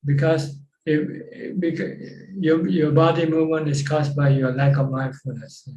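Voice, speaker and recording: A monk speaks in a flat, level tone with a dark, mellow voice. He explains simply and repeats phrases as he answers. The call audio is roomy and dull. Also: on the high side, measured pace. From Thailand. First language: Thai. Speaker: Buddhist monk teacher. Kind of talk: dharma Q&A talk. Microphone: video call.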